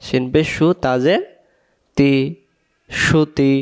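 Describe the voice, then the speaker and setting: A man teaching Quran reading, drilling Arabic letters syllable by syllable, drawing out each sound and asking learners to repeat after him. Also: mid-range voice. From Bangladesh. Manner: drawn-out syllables, asks students to repeat. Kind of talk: slow step-by-step letter drill lesson.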